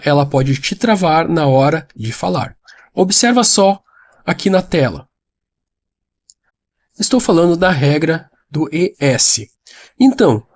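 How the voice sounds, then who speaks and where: A man's voice: on the high side, a little mellow. A man, explaining an English grammar lesson directly to the viewer and repeating key points. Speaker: English teacher.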